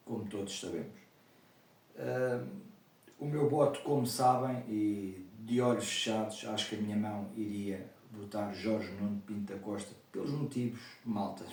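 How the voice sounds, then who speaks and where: A man's voice: lowish voice, mellow, heavy reverb, recorded from a distance, poor audio. A man with a European Portuguese accent, talking earnestly and rambling in a casual video message as a football supporter. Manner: earnest, rambling, repeats himself.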